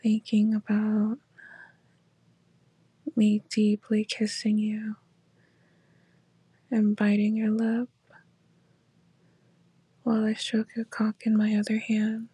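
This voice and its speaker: A woman in an ASMR role-play as a teasing, affectionate lover, speaking softly and breathily right in the listener's ear. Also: mid-range voice, monotone, slow pace, long pauses, dry recording. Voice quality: breathy, soft-spoken. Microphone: very close, dry microphone.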